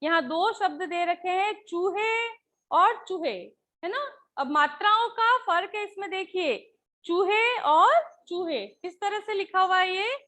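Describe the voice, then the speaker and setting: A woman's voice: extremely high pitch, a little slow, bright, forceful tone. A woman teacher explaining Hindi grammar patiently, often checking with the class as she goes.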